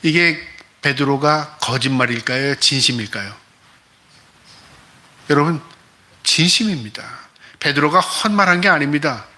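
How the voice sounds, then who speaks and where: A man's voice: on the high side, expressive, unhurried, long pauses, pushed and bright. A man preaching as a pastor, delivering an emphatic sermon full of rhetorical questions to the congregation.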